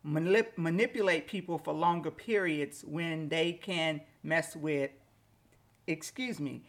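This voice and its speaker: A woman's voice: low voice, unhurried. Woman podcaster with slightly slushy retainer speech. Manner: conversational, reflective, addresses listeners directly. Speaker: podcast host. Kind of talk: casual solo podcast monologue. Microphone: microphone with pop filter and windscreen.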